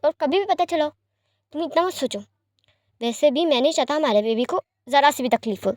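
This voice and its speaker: A woman's voice: high-pitched, a little mellow, no room sound, clean studio sound, lightly acted. A woman voicing a doting, teasing young man who speaks fondly and reassuringly, in a fan-fiction story reading. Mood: soothing. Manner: fond and reassuring, sometimes quick.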